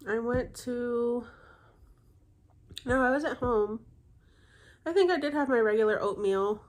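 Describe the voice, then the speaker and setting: A woman's voice: a little high, a little slow. A young woman vlogging in a rambling, chatty way, with lots of fillers and self-corrections, and a congested voice. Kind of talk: casual chat.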